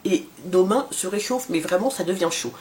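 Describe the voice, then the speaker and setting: Speaking briskly in a lowish, slightly mellow voice, a woman in her forties reviews a skincare serum for her beauty vlog. Her talk is casual and full of fillers and restarts.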